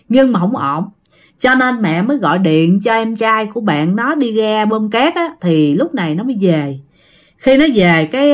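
A woman telling a ghost story in a chatty way, often addressing her listeners directly. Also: medium pitch. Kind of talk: casual ghost-story narration.

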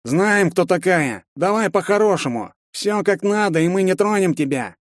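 A man's voice: sits high, lively intonation, normal speed, no echo, studio quality, voice pushed up. A man voicing a nasal, menacing red-haired young male street thug in an audiobook. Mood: mocking. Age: young adult. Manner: menacing, mocking. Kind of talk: audiobook character voice.

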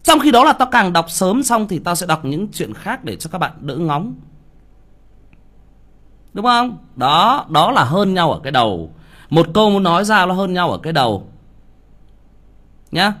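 A man's voice: high-pitched, big pitch swings, unhurried, pauses often, a bit bright. A man who reads audiobooks on a livestream, scolding a viewer with profanity and rhetorical questions.

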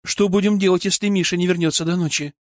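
A man reading the lines of an indignant, worried wife, pitched higher and louder. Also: fairly even intonation, quick pace, dry recording, clean studio sound, close to an everyday voice. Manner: indignant, anxious.

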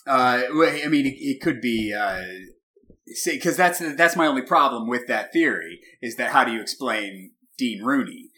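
A man's voice: mid-range voice, moderate pace, sharp tone. A man co-hosting a casual film-review podcast, chatty and laughing often as he talks. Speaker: podcast co-host. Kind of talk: casual chat.

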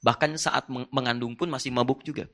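A man's voice: medium pitch, brisk. A male Islamic preacher giving a storytelling sermon, emphatic and repeating key words for effect. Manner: lively anecdotes with acted dialogue.

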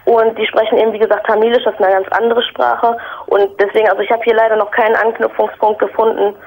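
A woman in her twenties calling in to a radio show, talking earnestly and haltingly with many fillers. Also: on the high side, level tone. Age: 20s. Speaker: caller. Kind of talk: phone-in call. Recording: phone line on radio.

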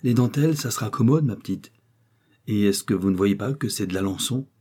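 A man voicing a shrewd, greedy old female secondhand-clothes dealer in an audiobook reading, haggling and quick to take offense. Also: lowish voice, dark tone, slightly rough.

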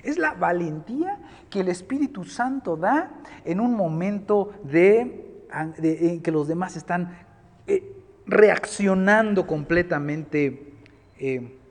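A man preaches a sermon in a high voice, dropping to a hush and then building to loud, emphatic lines. His voice rings out with the long reverb of a church hall. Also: expressive, slow pace. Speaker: pastor.

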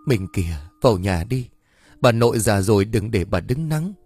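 Man doing a calm, gentle wife. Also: on the low side, moderate pace, husky, soft background music. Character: calm middle-aged wife, gentle and steady.

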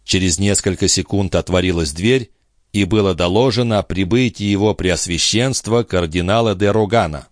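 A man narrating an audiobook with expressive storytelling. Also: low voice, normal speed, dry recording, studio quality.

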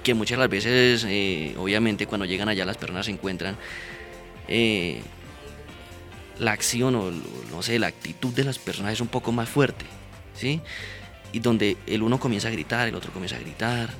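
A man's voice: fairly low pitch, moderate pace, a bit bright, faint music behind. A man, a police mediator explaining his work in a radio interview, earnest and often asking "right?". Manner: earnest, explanatory, frequent "¿verdad?" and "¿sí?" tags.

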